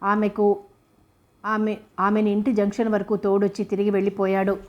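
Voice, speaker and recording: A woman narrating a novel as an audiobook, in a steady, measured way. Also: medium pitch, highs cut off.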